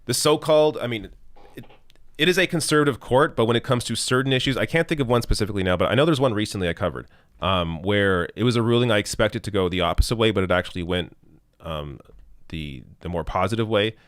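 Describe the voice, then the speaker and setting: A man hosting a live stream reads out super chat questions, thinking aloud with ums and restarts as he loses his voice and clears his throat. His voice sits on the low side, fast and fairly bright, in clean, dry studio sound with no room echo.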